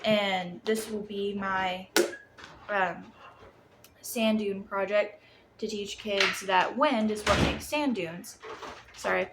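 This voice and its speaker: A woman's voice: medium pitch, takes it slowly, pauses often. A young adult woman presenting a lesson plan informally and hesitantly, her speech slightly muffled by a sore jaw after dental surgery. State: sore jaw after wisdom tooth removal. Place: apartment room. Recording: clear background room noise.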